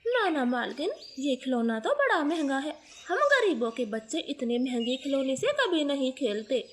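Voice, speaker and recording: A woman's voice: high-pitched, animated, normal speed, slight background noise. A woman voicing a poor female crow maid in a storybook cartoon, speaking deferentially and earnestly. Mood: humble.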